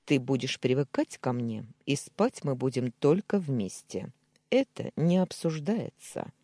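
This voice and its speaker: A reader voicing a calm, possessive, domineering man in an audiobook, in a husky, soft-spoken way. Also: mid-range voice, measured pace, no echo, clean studio sound. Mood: insistent. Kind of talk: audiobook dialogue reading.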